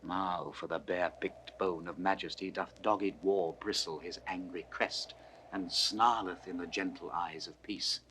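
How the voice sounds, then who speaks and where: In a 1960s classical Shakespearean recording, an actor plays a stern, suspicious, grief-struck nobleman, declaiming weighty verse with a troubled mood. His voice is low and sharp, his intonation fairly even, his pace unhurried, and the low-quality audio carries a little hiss or hum.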